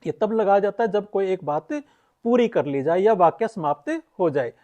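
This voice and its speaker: A woman's voice: medium pitch, lively intonation, normal speed, dark tone. A woman teaching Hindi grammar in an online lecture, explaining patiently and repeating each point. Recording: slightly muffled lo-fi audio.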